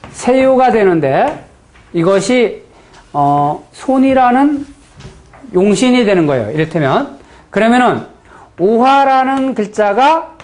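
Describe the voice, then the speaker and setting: A fortune-telling teacher with a Chungcheong Korean accent gives a lecture to a class. The delivery is blunt and folksy, and the speaker keeps stopping to ask the students whether they follow. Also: mid-range voice. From Chungcheong region, Korea. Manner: blunt and folksy, with frequent rhetorical check-in questions.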